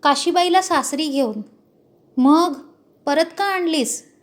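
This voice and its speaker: A woman's voice: high voice, takes it slowly. A woman voicing a fierce, menacing male outlaw chief who barks orders in a storybook reading. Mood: interrogating. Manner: barking orders and threats.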